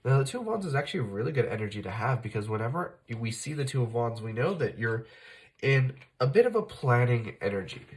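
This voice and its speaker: Nursing a slight cold and coughing occasionally, a tarot reader who hosts a channel talks to camera through a casual reading. His medium-pitched, sing-song voice moves fairly quickly, loose and conversational, full of "uh" and "like," as he often stops to correct himself mid-sentence.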